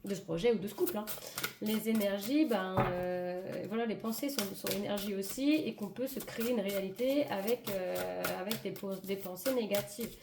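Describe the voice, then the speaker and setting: A woman doing a casual, improvised card reading for viewers, hesitant and searching for words, her hoarse voice giving out. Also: mid-range voice, normal speed. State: hoarse voice giving out, clearing throat. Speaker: tarot and oracle card reader. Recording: echoey room with clear background noise.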